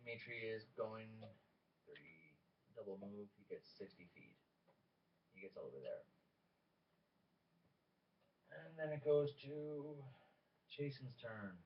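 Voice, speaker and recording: A man's voice: fairly low pitch, sing-song, slow, pauses often, distant mic, highs cut off, slight background noise. A man running a tabletop game as game master, talking in a casual, matter-of-fact way and swearing offhandedly.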